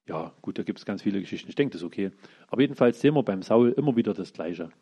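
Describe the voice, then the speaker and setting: Animated preacher, mellow husky voice. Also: male voice, fairly low pitch, quick pace, lo-fi sound. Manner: lively, acts out the characters' lines in everyday speech. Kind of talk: informal sermon retelling Bible stories.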